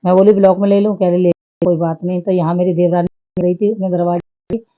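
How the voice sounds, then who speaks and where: A woman's voice: on the low side, little pitch movement, fast, narrow, tinny audio. A woman in her thirties giving a chatty, homely running commentary over her family vlog. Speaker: family vlogger.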